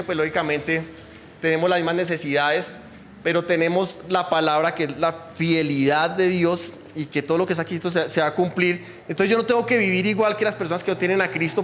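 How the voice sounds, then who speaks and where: High-voiced man preaching in a church hall. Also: fairly bright tone, slight background noise. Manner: conversational preaching, asks the congregation questions. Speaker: pastor. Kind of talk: sermon.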